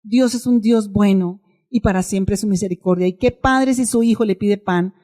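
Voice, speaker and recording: A woman's voice: medium pitch, normal speed, warm tone. A woman pastor giving a sermon, telling a personal testimony in a conversational, emotional way and addressing the congregation directly.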